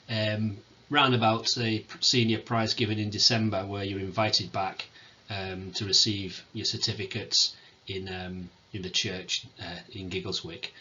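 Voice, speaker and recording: A man, a teacher giving a recorded farewell talk to his students, hesitant with many pauses and fillers, in a self-described monotone. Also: fairly low pitch, lo-fi sound. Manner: hesitant, many ums, calls himself monotone. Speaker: sixth form teacher.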